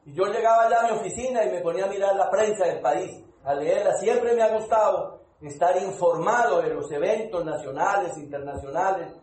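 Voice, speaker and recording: A man preaching a testimony sermon, emphatic, slowing down to stress his points and calling out to the congregation. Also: high voice, darkish tone, reverberant, rough recording. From Colombia. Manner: calls out to congregation.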